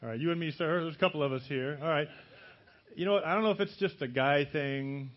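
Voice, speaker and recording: A man's voice: a little high, fast, lo-fi sound. A middle-aged American man from Louisiana preaching casually and humorously to a congregation in a jittery, over-caffeinated way, jumping between broken phrases. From Louisiana, American South.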